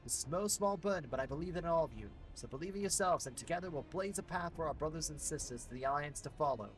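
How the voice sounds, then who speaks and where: A man voicing a stern military lieutenant in a gravelly voice, reading game dialogue aloud. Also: fairly high pitch, expressive, fast, soft background music, natural voice, rough recording. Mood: commanding.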